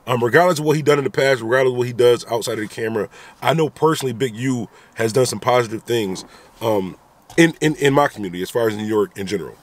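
Recorded on a phone camera at arm's length inside a car, a vlogger in his thirties animatedly voices his opinions. He speaks at a quick pace in a mid-range voice and keeps returning to rhetorical asides.

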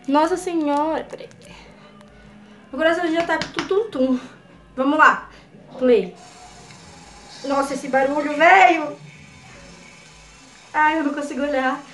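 A Brazilian woman with a Brazilian Portuguese accent reacting on camera, jumpy and excitable, scared and trembling, swearing and laughing as she talks. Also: high voice, unhurried, long pauses, reverberant, soft background music. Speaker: YouTuber. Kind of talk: reaction video chat.

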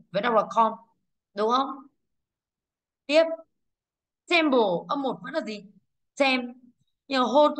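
Going over exam answers in a review lesson, this Vietnamese-accented woman teacher of English speaks in a mid-range, fairly bright voice. Her explanations are patient, punctuated by rhetorical check-in questions and self-corrections.

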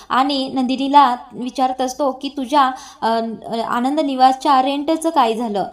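Woman, high voice, episode recap narrator, reads character dialogue with light acting.

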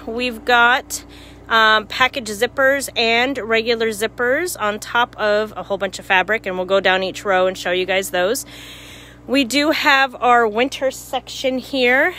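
A woman with a fairly high voice walks through a shop, casually pointing out products. She talks like a store worker showing viewers what is in stock. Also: bright, forceful tone, slight background noise. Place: small cluttered shop, indoors. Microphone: handheld phone.

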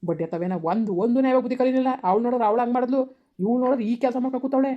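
A woman voicing an angry village father who shouts and curses at his daughter in a harsh, bitter way. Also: on the high side, rapid-fire, close to an everyday voice. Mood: raging. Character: furious village father, harsh and cursing, man. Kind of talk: village family drama acting. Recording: dull lo-fi recording.

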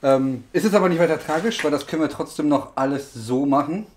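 A man's voice: fairly high pitch, fast, a little hiss or hum. A man hosting a car repair vlog, casually explaining his work and thinking aloud with many fillers. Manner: chatty, lots of fillers, thinks aloud while working. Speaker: host, car mechanic.

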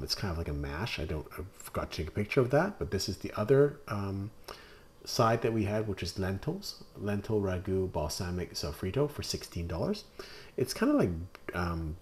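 A food reviewer with a deep, darkish voice narrates a casual restaurant review over photos. He talks plainly and hesitantly, using many fillers.

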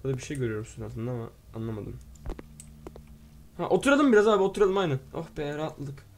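A man talks through his gameplay in lively let's play commentary, his voice sitting a little higher than most men's. He exclaims at every find, grumbles and swears playfully at the game, and reads its text aloud before translating it. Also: fast. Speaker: gaming video host.

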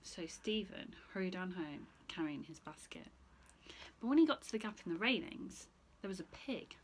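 Seated in an armchair in a small, bright room, a teacher in her thirties reads a picture book aloud to children with expression, stopping between lines to ask the listener questions. Her voice is lowish with lively intonation at a normal speed, over slight background noise.

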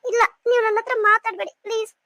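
A woman's voice: extremely high pitch, steady tone, quick pace, sharp tone, dry recording, highs cut off, pitched above the performer's own voice, full character voice. A woman voicing a sulky, emotional young wife in a cartoon, with a pleading manner. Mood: tearful. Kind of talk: cartoon voice acting.

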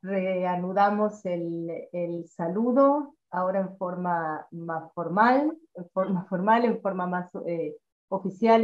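Woman, seminar moderator, hesitant formal welcome; tinny video-call audio with room echo. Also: mid-range voice. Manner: hesitant, with frequent fillers and restarts. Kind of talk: formal opening remarks.

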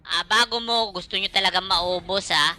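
A woman streamer giving excitable, foul-mouthed live commentary on her own gameplay, trash-talking her opponents. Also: mid-range voice, normal speed, a little hiss or hum. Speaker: gaming streamer.

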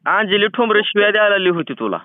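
A man with a notably high, smooth voice and a rural Maharashtrian Marathi accent chats in a persistent, colloquial, teasing way, much like a prank caller. He talks quickly with big pitch swings, and the sound is tinny, thin, and band-limited like a phone line.

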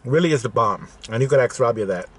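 A man in his forties chatting casually to camera in a food video, talking between bites as he eats crispy food inside a car. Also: mid-range voice, expressive, fast talker. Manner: talking with mouth full between bites while eating crispy fish and chips. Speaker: food vlogger. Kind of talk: casual eating-show chat to camera. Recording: noisy in-car camera audio.

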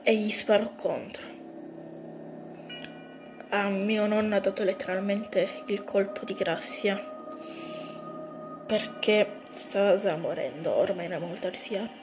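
A woman narrating a homemade creepy story in a plain, unhurried way with small slips. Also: mid-range voice. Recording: music bed under the voice. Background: music.

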